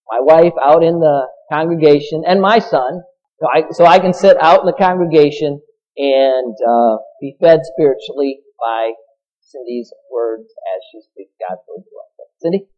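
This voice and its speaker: A man pastor in church introducing a guest preacher, halting and repeating himself with fillers. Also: on the high side, highs cut off. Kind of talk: church announcement. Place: church sanctuary.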